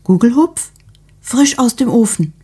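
A woman's voice: a little high, lively intonation, measured pace, dark tone, breathy edge, pitched above the performer's own voice, heavily acted. A woman voicing a nosy, gushing middle-aged female neighbor who chatters eagerly and fawningly.

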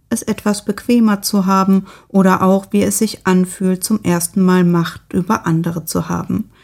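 A woman presenting a novel in a calm, measured, scripted review and reading an excerpt aloud. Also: mid-range voice, creaky. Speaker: book presenter and reader.

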